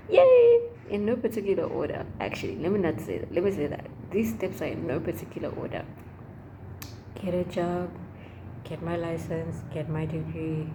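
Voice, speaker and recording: A young woman with a slightly low voice talks in a casual, chatty vlog style. She rambles expressively and leans hard on her slangy phrases. There is clear background noise around her. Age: young adult. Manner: emphatic, slangy. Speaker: vlogger. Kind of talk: casual chat to camera.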